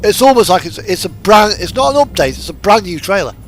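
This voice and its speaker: Hosting a truck simulator gaming video, a man with a high-pitched, brisk voice and big pitch swings gives casual, rambling commentary. He hesitates and thinks aloud as he plays, with in-game radio music in the background.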